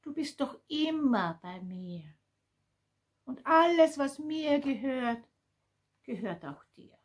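A forgiving old father, overjoyed and calling out in a bright, rather high voice, as a woman storyteller puts him on. He speaks slowly and coaxes his son in a children's Bible story reading. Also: lively intonation, breathy edge, exaggerated voice. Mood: coaxing. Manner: exclaiming, warm and pleading.

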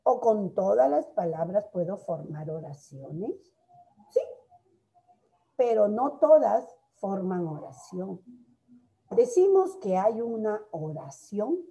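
A woman teaching a grammar lesson to young pupils, explaining slowly, asking frequent rhetorical questions and affectionately calling them her loves. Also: mid-range voice, dark tone, highs cut off. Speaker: primary school teacher. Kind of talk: recorded grammar lesson for children.

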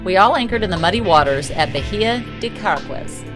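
A woman giving measured, factual scripted narration. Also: lowish voice, lively intonation. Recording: voice-over with guitar music under it. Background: guitar music.

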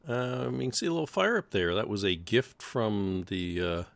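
A man's voice: on the low side, very animated, moderate pace, creaky, dry recording. A middle-aged man hosting casual let's-play commentary, rambling and thinking aloud at his desk mic with dry humor. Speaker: gaming channel host.

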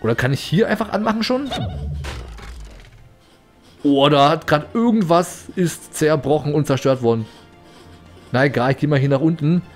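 A man's voice: fairly high pitch, moderate pace, pauses often. A man giving casual let's play commentary in a playful, rambling, chatty way. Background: game music.

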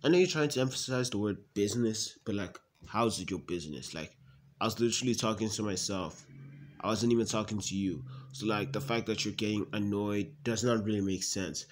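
In a homemade comedy sketch, a man voices a self-absorbed young brother. He rambles defensively and packs his talk with fillers. The voice sits slightly low. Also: brisk, slight background noise, lightly acted.

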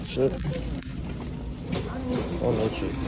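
A young man in his twenties vlogging while shopping in a supermarket, teasing and swearing, with sudden loud bursts. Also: slow, very noisy. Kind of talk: casual vlog banter. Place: large supermarket, indoors. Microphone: handheld camera.

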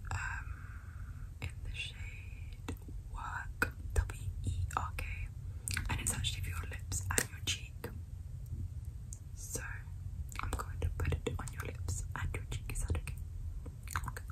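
Young woman whispering a fast asmr whispered role-play, repeats little phrases over and over, close mic. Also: poor audio. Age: 20s. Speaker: ASMR content creator doing a make-up role-play. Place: small dim indoor room.

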